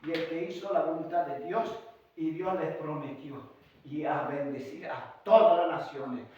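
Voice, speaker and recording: A man with a Chilean accent preaching a fervent sermon, swinging from hushed asides to shouted, sung-out lines. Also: fairly high pitch, steady tone, measured pace, heavy reverb, recorded from a distance, muffled recording. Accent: Chilean Spanish. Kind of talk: Pentecostal-style sermon. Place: church hall.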